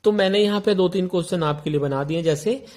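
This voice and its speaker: A male teacher with an Indian English accent explaining a textbook lesson, repeating words and reading English lines out slowly. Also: high-pitched, a little mellow.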